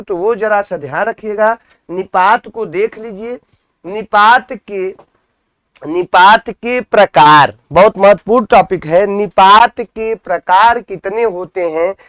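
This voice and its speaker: A man's voice: sits high, a bit bright, no room sound. A man teaching an exam-prep grammar lesson, repeating key terms and asking his students questions that he answers himself.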